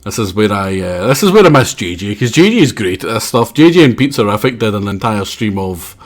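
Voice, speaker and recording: A man's voice: fairly low pitch, big pitch swings, normal speed. Rambling Scottish man streaming a game. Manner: rambling, self-mocking jokes. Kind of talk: live gameplay commentary. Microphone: close mic.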